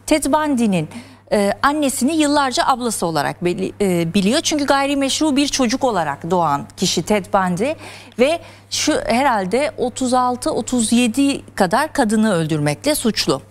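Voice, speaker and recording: A woman's voice: on the high side, sing-song, normal speed. A woman explaining psychology terms step by step as a guest on a television talk show. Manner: earnest, lecturing, explains step by step. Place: television studio.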